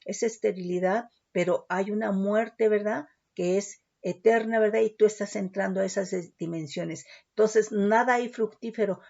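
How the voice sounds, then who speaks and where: A woman teaching a Bible study, reading scripture slowly and deliberately, then explaining it with frequent tag questions. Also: medium pitch, gravelly, darkish tone, dull audio.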